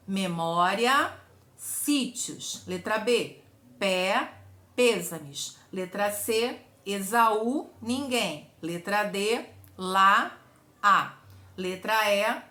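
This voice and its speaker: A Brazilian woman with a bright, clear voice walks through a grammar exam-prep lesson. She keeps a didactic rhythm, asking questions and answering them herself, and her voice rings in an echoey room. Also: mid-range voice. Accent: Brazilian Portuguese. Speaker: Portuguese teacher.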